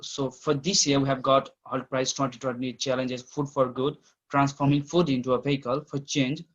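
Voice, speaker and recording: A man with a Nepali accent giving an informal welcome speech as a campus director, with halting, hesitant phrasing. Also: medium pitch, little pitch movement, a bit bright. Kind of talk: informal speech in an online event. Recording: dull, lo-fi online call audio.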